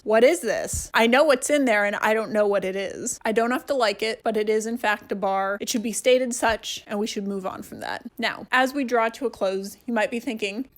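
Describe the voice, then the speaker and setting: A woman delivering a scripted comedic rant to camera as host, ranting emphatically with mock authority, theatrical declarations and rhetorical questions. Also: mid-range voice.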